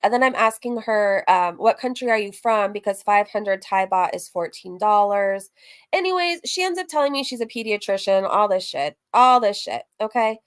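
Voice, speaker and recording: With lively intonation and a clean tone, this mid-range female voice moves at a moderate pace. She's the host of a reaction livestream, chatting loosely through a recap, reading out messages, wandering into asides, and tossing in the odd swear word.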